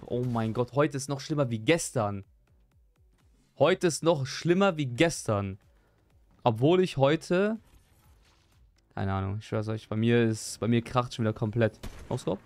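An excitable young man talks live over his gameplay, piling up exclamations and mocking his own play. His voice sits at an ordinary middle pitch and sounds close and dry, with no room around it. Faint game music runs underneath. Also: no echo. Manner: excitable, repeats exclamations, joking self-mockery. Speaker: gaming streamer. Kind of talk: live gameplay stream chat.

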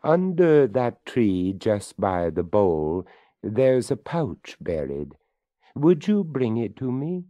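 A man's voice: on the low side, big pitch swings, takes it slowly, warm tone, no room sound, voice pushed up. A man doing a courteous old skeleton. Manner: formal, polite. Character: courteous old male skeleton, gently pleading. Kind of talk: storybook reading.

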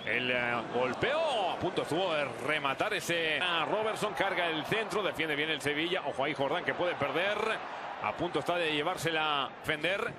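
Excitable football commentator, noisy man. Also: on the high side. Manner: excitable, surging into drawn-out shouts at goals. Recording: very noisy outdoor stadium ambience.

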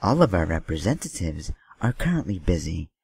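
Husky recorded phone-menu voice, a man doing it. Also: low voice, sing-song, darkish tone, no echo, full character voice. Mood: recorded-message. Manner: polite, measured announcer-style reading of menu options. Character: male automated customer-support phone menu voice. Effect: recorded phone menu message.

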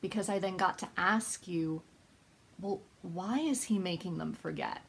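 A young woman in her 20s or 30s, a book vlogger hosting from a small book-lined room, chats casually about books. Her voice is lowish, husky and creaky, and she takes her time as she earnestly explains and reminisces.

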